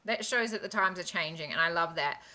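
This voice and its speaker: Woman, interview guest, maritime worker, candid, lively storyteller, bright tone. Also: fairly low pitch, brisk. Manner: lively storyteller who acts out quoted people; frank and candid. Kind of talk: casual interview chat.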